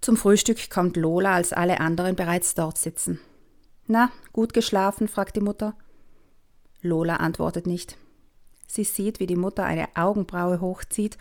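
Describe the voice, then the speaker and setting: A woman, reading aloud from her own children's book, calm and expressive, sometimes dropping to a hush. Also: fairly low pitch. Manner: calm, expressive storyteller with soft hushed passages. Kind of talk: storybook reading.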